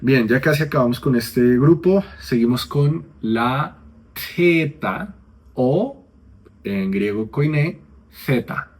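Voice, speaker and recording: A man's voice: mid-range voice, expressive, takes it slowly, darkish tone, slightly rough. A man teaching with conversational check-ins. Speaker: Ancient Greek teacher. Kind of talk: relaxed classroom explanation.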